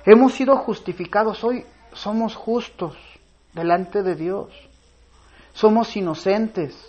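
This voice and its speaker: A man preaching a sermon in an earnest voice, reading scripture aloud with pauses and swelling to loud, emphatic stress. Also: sits high, slightly rough, dull audio. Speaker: pastor.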